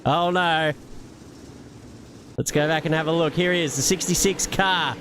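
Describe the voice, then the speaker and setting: A man giving live sim racing commentary, jokey and punning, with filler pauses. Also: a little high, fairly bright tone, a little hiss or hum. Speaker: race commentator. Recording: music playing behind the voice. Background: background music.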